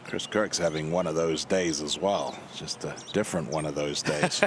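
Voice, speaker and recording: A man's voice: a bass voice, moderate pace, background noise. A man giving live golf commentary in an informal, conversational way, as an analyst.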